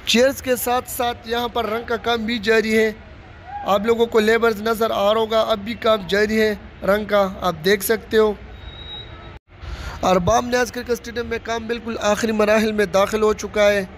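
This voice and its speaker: A man's voice: high-pitched, flat delivery, normal speed, slight background noise. A man from Pakistan narrating a casual walking tour of a large stadium under construction, recorded outdoors on a handheld phone, talking in plain running commentary and repeating his phrases. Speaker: vlogger giving a site tour. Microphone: phone camera held by the speaker.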